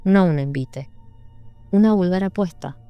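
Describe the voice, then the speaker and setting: A woman voicing a grieving, vengeful man with a gun who speaks in a slow, hollow, lifeless tone. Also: fairly low pitch, clear, resonant tone, no room sound, dull audio, faint music behind, pitched above the performer's own voice. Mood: cold. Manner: slow, flat and menacing.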